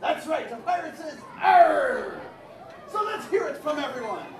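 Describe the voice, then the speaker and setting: A woman playing a bossy, playful pirate captain on stage, booming and teasing the audience in a live show. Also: lively intonation, unhurried, crowd noise, noisy background. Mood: drilling recruits. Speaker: stage actor. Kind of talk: live interactive theatre. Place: indoor theatre, live audience. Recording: echoey hall from far off with audience.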